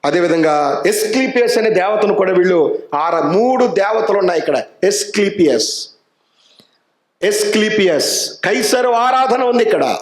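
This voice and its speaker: A man's voice: on the high side, echoey room. A man with an Andhra Telugu accent preaching a sermon as an evangelist, asking the congregation rhetorical questions and telling stories in quoted voices. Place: church anniversary meeting hall.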